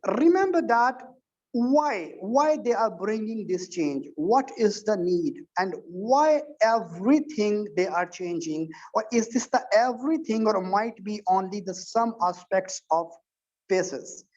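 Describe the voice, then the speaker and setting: A man with a high, darkish voice tutors exam candidates in an online session, sounding animated yet unhurried. He lectures earnestly, often repeating himself and starting sentences over. The audio comes through a video call and sounds dull and lo-fi.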